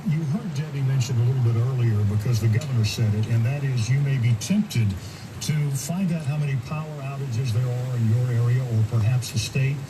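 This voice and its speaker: A man's voice: mid-range voice, distant mic, background noise. A man anchoring live breaking storm news coverage, talking partly off the cuff.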